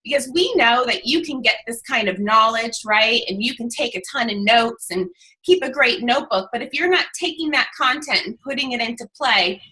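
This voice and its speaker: A woman's voice: fairly high pitch, expressive, normal speed, sharp tone, poor audio. A woman hosting a video call, encouraging the audience and introducing a guest. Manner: encouraging, addresses the audience directly. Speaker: host of a team call. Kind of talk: upbeat motivational talk.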